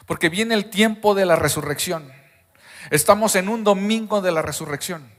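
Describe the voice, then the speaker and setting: A man's voice: high voice, fairly bright tone. A man preaching an Easter Sunday sermon as pastor, speaking emphatically and putting questions to the congregation at a church service. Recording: long reverb of a church hall.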